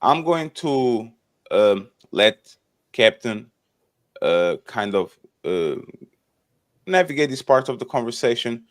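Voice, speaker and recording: A man's voice: mid-range voice, very animated, slow pace, pauses often. A man moderating a casual live-streamed panel show, announcing upcoming episodes and introducing guests in a loose, repetitive way, often tagging sentences with "okay?".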